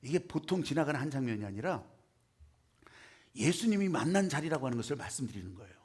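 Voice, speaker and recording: A man preaching a sermon as pastor, dramatic, acting out quoted voices and swinging between shouts and hushed lines. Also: medium pitch, big pitch swings, quick pace, slightly rough.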